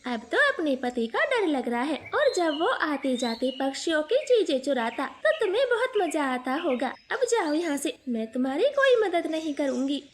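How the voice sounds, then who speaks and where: A level-headed female sparrow from a cartoon, who scolds a friend firmly, as a woman puts her on. Her voice is high, bright and very expressive. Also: normal speed, hardly any pauses. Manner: calm, then firmly scolding. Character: sensible, stern female sparrow neighbour.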